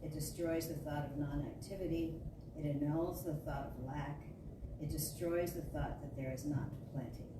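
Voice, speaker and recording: Deep-voiced and steady in tone, a woman delivers a metaphysical sermon as a dramatic reading, sounding like a storyteller sharing a spiritual talk. Her statements are emphatic and declarative, with deliberate phrasing. Recorded at a distance in a big spiritual center hall, the audio carries echo and noise.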